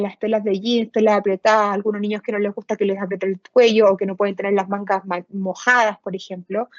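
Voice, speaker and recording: A woman's voice: mid-range voice, darkish tone, no echo. Woman lecturer, explains patiently with examples and little acted quotes; dry, somewhat muffled sound. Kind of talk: explanatory seminar talk.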